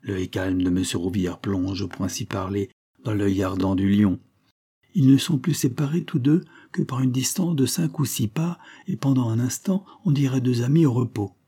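A man narrating a story as a scripted audiobook reading, with a measured storytelling cadence. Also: medium pitch, warm tone, husky.

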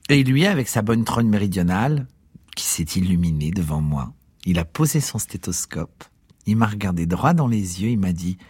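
A man's voice: fairly low pitch, lively intonation, normal speed, a little mellow, husky, no echo, studio quality. A man performing an ironic comedy monologue on stage, telling his story theatrically.

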